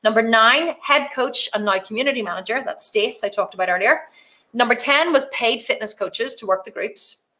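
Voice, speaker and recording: Bright high-voiced energetic woman coach. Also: moderate pace. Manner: energetic, swears freely, acts out dialogue. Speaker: business coach. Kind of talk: casual motivational talk.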